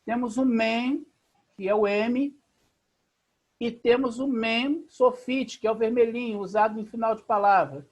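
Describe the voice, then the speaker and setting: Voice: medium pitch, unhurried, darkish tone. A teacher with a Brazilian Portuguese accent gives an online class over a video call. The teacher explains patiently, step by step, and keeps checking in with the students. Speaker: Bible language teacher. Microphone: video call computer mic.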